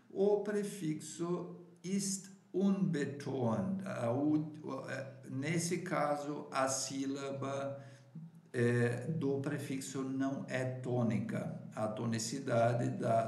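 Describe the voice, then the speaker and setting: A man teaching a grammar lesson, explaining haltingly with many fillers and "right?" checks, and carefully pronouncing example words. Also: mid-range voice, darkish tone, reverberant. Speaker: German teacher.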